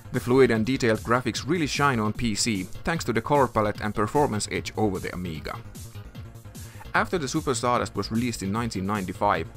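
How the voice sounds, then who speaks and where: A man's voice: fairly low pitch, fairly bright tone. A man reading scripted documentary narration as a video narrator. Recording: music under the voice. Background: background music.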